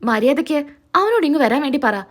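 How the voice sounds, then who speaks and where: Lady reading out a bossy cop barking orders, kinda high voice. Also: very animated, a little fast. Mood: stern. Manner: curt, ordering people about. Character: stern male police officer making an arrest.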